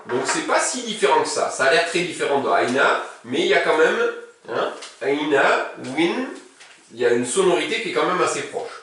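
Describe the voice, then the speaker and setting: A man's voice: fairly high pitch, big pitch swings, normal speed, fairly bright tone, recorded from a distance. A man teaching a casual language lesson, talking informally and reciting verb conjugations in a row. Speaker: Arabic teacher. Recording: very echoey room, speaking from away from the mic.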